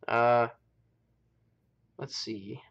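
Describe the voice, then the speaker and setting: An American live streamer chats loosely while gaming, thinking aloud and wandering off on tangents. His mid-range voice stays fairly even in intonation, and he draws out his words. The audio is dull.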